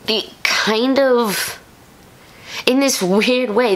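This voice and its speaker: A woman hosting her own vlog, reviewing a show episode in a casual, excitable way with gushing bursts of enthusiasm. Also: lowish voice, gravelly. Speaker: YouTube show host and reviewer. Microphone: camera-mounted shotgun microphone.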